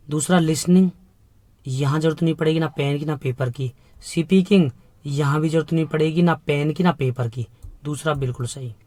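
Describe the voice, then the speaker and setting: Man teaching in an emphatic, higher voice. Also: mellow, no room sound. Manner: explains in Hindi mixed with English terms, asks rhetorical questions; emphatic, repeats key points. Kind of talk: exam prep lecture.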